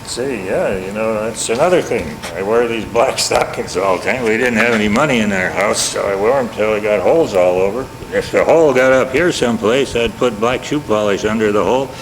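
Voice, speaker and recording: A man's voice: fairly low pitch, fairly quick, hardly any pauses. A man in his seventies with an Upper Midwestern American accent, telling family history informally in a folksy, self-deprecating, wry way. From Minneapolis, United States. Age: 70s. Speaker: family elder recounting memories. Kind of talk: informal oral history reminiscence. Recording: echoey, noisy home tape, background hum.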